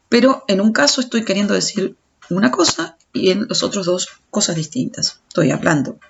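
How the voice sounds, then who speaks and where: This is a dull, lo-fi recording of a woman teacher's audio lecture. Her lowish voice is creaky with a breathy edge, and she explains things step by step, stumbling over restarts.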